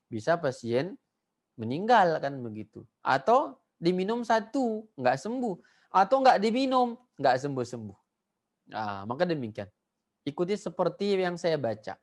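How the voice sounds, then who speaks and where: A man's voice: a little high, very animated, moderate pace, long pauses. A male Arabic teacher giving a beginner language lesson, patiently repeating each word so learners can echo it.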